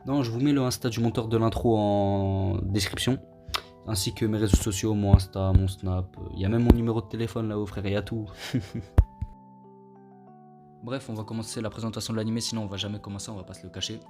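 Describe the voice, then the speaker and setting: A man's voice: lowish voice, steady tone, brisk. A man chatting casually about an anime on his channel, with slangy, laid-back delivery and joking asides. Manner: self-mocking, joking asides. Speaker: anime YouTuber. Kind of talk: casual anime review vlog. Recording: clear background music under voice.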